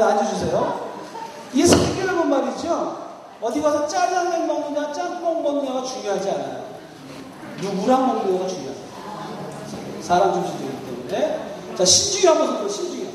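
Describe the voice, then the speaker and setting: A man's voice: very high voice, background noise. A man giving an interactive church seminar lecture, questioning the audience and acting out anecdotes. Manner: questions the audience and calls on people by title; tells anecdotes, acting out quoted lines. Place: large echoing hall with an audience. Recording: echoey hall, voice from far off.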